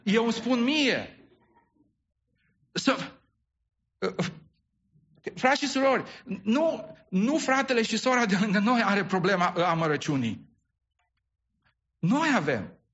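A man's voice: high-pitched, expressive, long pauses, a bit bright, muffled recording. A man preaching a sermon as pastor, asking the congregation rhetorical questions and often repeating and restarting his words.

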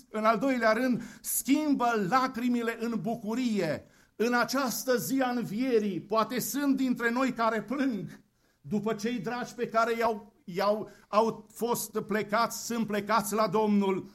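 A man preaching an Easter sermon, with a fervent, repetitive cadence and slow, deliberate emphasis on key phrases. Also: very high voice, a bit bright.

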